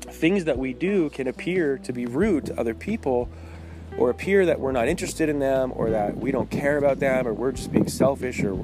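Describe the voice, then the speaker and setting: A man's voice: mid-range voice, poor audio. A man talking while walking outdoors, giving a candid, rambling personal monologue in a casual way with frequent false starts. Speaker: podcast host. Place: outdoors in the woods, on a walk.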